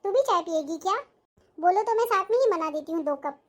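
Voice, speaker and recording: Patient, hardworking elder sister-in-law, fusses aloud , played by an actress; very high voice, family short film. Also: female voice, animated, brisk. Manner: fussing, complaining to herself. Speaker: actor. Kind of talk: family drama acting.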